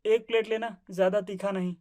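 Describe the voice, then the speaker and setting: A woman's voice: medium pitch, fairly even intonation, a little fast, a little mellow, natural voice. A woman voicing a shy young husband who grumbles and tries to placate his wife. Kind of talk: family drama acting.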